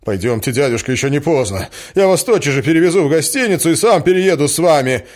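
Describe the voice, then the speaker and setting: A man's voice: a little high, lively intonation, quick pace, a little mellow, voice pushed up, natural voice. A man voicing a desperate young man who pleads and exclaims to his uncle. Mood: urgent.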